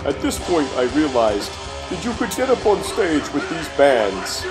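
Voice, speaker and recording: Grumpy older man, high-pitched and animated. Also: measured pace. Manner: grumpy old-man complaining, folksy, dry exaggeration. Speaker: comic commentator. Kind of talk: comic narration over festival videos. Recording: music behind the voice.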